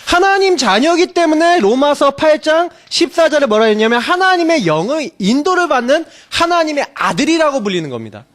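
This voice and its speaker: A man's voice: very high-pitched, very animated, a little fast, hardly any pauses, fairly bright tone. A male pastor giving a sermon in a casual, personal way, asking many rhetorical questions. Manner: casual and personal, telling stories from his own family.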